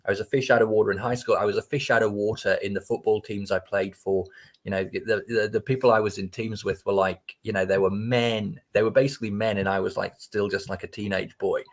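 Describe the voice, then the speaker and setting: A man's voice: lowish voice, flat delivery, brisk. An English man as a podcast guest, talking reflectively and hesitantly, often restarting his sentences. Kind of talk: casual interview chat.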